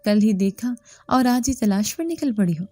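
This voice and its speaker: A woman's voice: medium pitch, expressive, darkish tone, no room sound, soft background music, lightly acted. A woman doing a teasing young village girl. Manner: playful, teasing.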